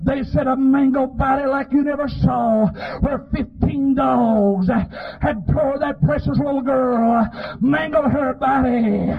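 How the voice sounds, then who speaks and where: A man delivers a fervent revival sermon, pleading and often shouting in a raspy, strained voice and punctuating phrases with amens. His voice is very high, his intonation fairly even, and his pace slow. The recording sounds dull and lo-fi.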